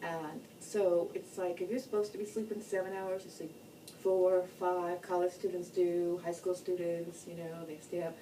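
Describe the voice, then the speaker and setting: Mellow-voiced woman lecturing, recorded from afar. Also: lowish voice, level tone, moderate pace. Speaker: sleep health educator. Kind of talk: informal educational lecture. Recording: distant mic, noticeable background noise.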